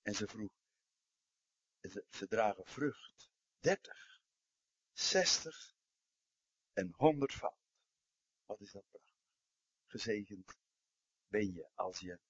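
A man delivers a sermon with a husky, slightly breathy voice. He tells stories, sinks into quiet passages and climbs into forceful emphasis. The recording is dry and muffled, with a dull lo-fi sound. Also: on the low side, lively intonation, takes it slowly, pauses often, no room sound. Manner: storytelling, swings from hushed to emphatic. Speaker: preacher.

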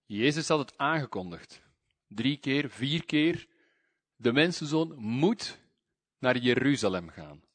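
Male pastor, sermon delivery with lively emphasis, dry recording. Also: medium pitch, slow, no echo. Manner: lively emphasis, reading scripture aloud.

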